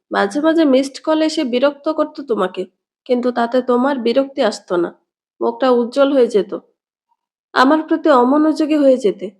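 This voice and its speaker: A woman voicing a hurt young woman calmly and firmly ending a relationship, in a storybook reading. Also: high voice. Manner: calm, firm and wounded.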